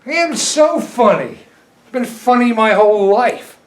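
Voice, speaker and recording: A man's voice: extremely high pitch, expressive, measured pace. Guy doing a touchy older husband, voice bouncing up and down, roomy echo. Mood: offended. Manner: indignant, defensive. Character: stiff older husband, indignant and defensive. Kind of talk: film drama acting.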